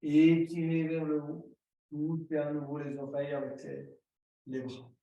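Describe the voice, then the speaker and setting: A man guides a yoga session with calm, unhurried instructions. His voice is mellow and sits a little high, with a flat, even delivery. It comes from a distance in a very echoey room. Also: muffled recording. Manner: slow, calm step-by-step breathing cues. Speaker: yoga teacher.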